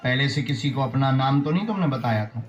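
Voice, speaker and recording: A man with a medium-pitched, lively voice speaks briskly as a spiritual guru holding court before devotees at a religious gathering. He delivers short commands and rhythmic pronouncements. There's slight background noise.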